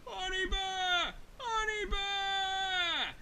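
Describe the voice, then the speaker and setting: A storyteller voicing an excitable, bumbling cartoon bear in a children's story, with exclamations, stretched shouts and singsong nonsense syllables. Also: very high-pitched, moderate pace, heavy background noise, voice pushed up. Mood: alarmed. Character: excitable, bumbling grumpy cartoon bear babbling bird noises.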